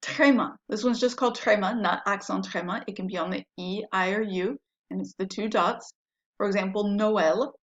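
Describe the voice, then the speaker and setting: A woman's voice: medium pitch, fairly even intonation, moderate pace, muffled recording. A woman teacher giving a patient, step-by-step lesson, spelling words out letter by letter. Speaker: French teacher. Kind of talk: classroom-style lesson.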